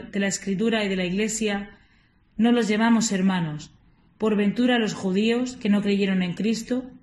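A woman reads scripture and liturgical texts aloud for morning prayer. Her voice sits at an ordinary pitch. She reads in a measured, steady way and stumbles briefly now and then. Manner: measured, steady reading aloud with small slips. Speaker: liturgical reader.

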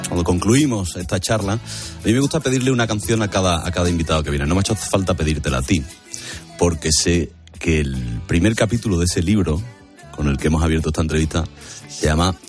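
Male interview host, low voice, calm questions and short backchannels, faint music behind. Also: fast. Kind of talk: interview hosting.

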